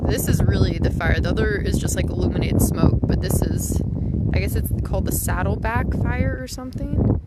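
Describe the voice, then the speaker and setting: A woman's voice: medium pitch, moderate pace. Woman live-streaming from a windy clifftop, wind roaring. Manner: anxious, rambling, talking over strong wind on a windy clifftop. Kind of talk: casual live vlog. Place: outdoors at night on a windy roadside ridge. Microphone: handheld phone. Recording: loud wind buffeting the microphone.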